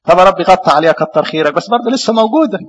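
Egyptian priest, sermon; bright high voice, long hall reverb, questions the flock. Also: male voice, very fast, husky. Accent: Egyptian Arabic. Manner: animated preaching with rhetorical questions.

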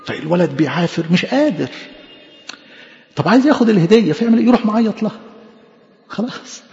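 A man's voice: sits high, lively intonation, very fast, vocal fry, darkish tone, soft background music. A man preaching a sermon in an Egyptian Arabic accent, impassioned and pleading, repeating phrases for emphasis. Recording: echoey hall, dull lo-fi sound.

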